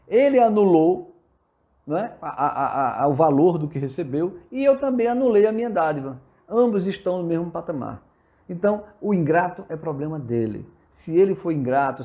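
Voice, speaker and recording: A spiritist preacher with a Brazilian Portuguese accent hosts a live session streamed from a phone or computer, giving an earnest, exhortative sermon-style talk. His voice is a little high and warm, and he reads out viewer comments and replies to them.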